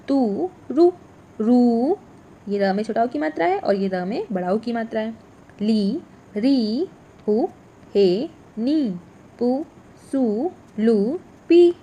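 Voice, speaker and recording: Clear, patient woman teaching small children. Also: fairly high pitch, mellow, slight background noise. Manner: slow, clear, repeats each letter and word. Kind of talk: workbook lesson for young children.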